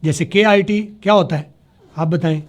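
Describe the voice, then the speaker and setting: A man teaching spoken English to a class, spelling words letter by letter, slowing down to model sounds and checking that students follow. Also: on the high side. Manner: slows down to demonstrate pronunciation. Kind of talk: classroom lecture.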